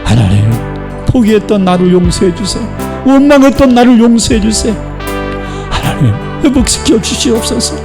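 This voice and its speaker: High-pitched pastor guy preaching hard and praying out loud, music playing under him. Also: sing-song, normal speed, creaky. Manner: impassioned, fervent preaching with long prayer cries. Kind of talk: sermon and leading prayer.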